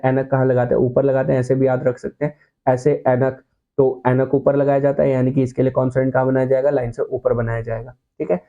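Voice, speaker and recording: A man's voice: mid-range voice, narrow, tinny audio. Patient man teaching a class online. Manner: patient, checks in with students often; casual and reassuring, mixes in English words. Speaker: shorthand teacher. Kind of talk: online lesson walking through words on a board.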